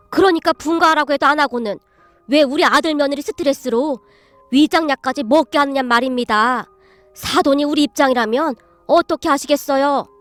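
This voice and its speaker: Lady doing a sharp-tongued outspoken granny, forceful, highish voice, storybook. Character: sharp-tongued elderly grandmother, outspoken and shrewd.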